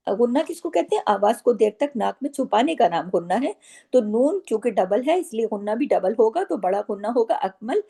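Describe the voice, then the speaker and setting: A woman teaching Quran recitation, patiently explaining each rule and repeating words slowly. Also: a little high, dark tone. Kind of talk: slow tajweed lesson with recited phrases.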